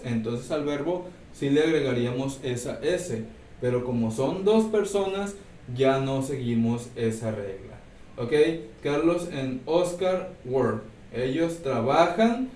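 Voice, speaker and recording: Patient teacher in a roomy classroom. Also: male voice, mid-range voice, animated, a little slow, a little mellow. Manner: explains step by step, checks in with "¿sí?". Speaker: English teacher. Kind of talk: recorded class lesson. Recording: roomy, distant mic, faint background noise.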